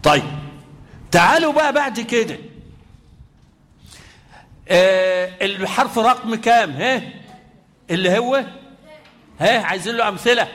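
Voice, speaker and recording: A middle-aged man with an Egyptian accent leads a tajweed class. He fires questions at his students and chants verses slowly as examples. His voice sits high for a man. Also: animated, fairly bright tone. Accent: Egyptian Arabic. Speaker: Quran recitation teacher. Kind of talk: lively tajweed lesson with students.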